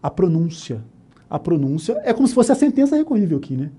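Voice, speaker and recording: A man with a Brazilian Portuguese accent teaches an exam-prep law lesson, taking each answer option in turn. His voice is dark and mellow. He keeps checking in with quick "né?" and "tá?" tags as he explains. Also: high voice, sing-song, husky. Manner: explains step by step, often asking "né?", "ok?", "tá?". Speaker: law instructor. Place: online course studio.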